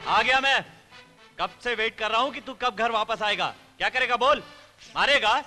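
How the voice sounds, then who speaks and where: A man's voice: very high-pitched, moderate pace, faint music behind, full character voice. A male voice actor dubbing a bold, mocking hero in a dubbed action film, speaking in a commanding, theatrical way. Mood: menacing. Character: bold swaggering male hero playing a double role. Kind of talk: Hindi film dub. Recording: dialogue over loud film score.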